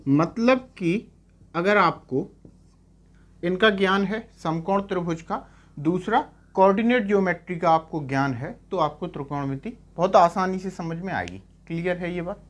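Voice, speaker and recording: A young man teaching math in a lecture, explaining step by step and often asking "clear?" to check. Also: sits high, normal speed. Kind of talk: classroom lecture on trigonometry.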